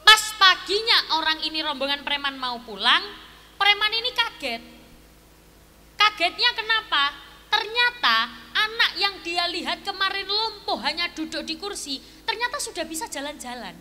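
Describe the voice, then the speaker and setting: A woman preacher, telling a story in a lively sermon and asking her audience questions, at a live religious gathering. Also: very high-pitched, normal speed. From East Java. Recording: echoey live event with faint ambience.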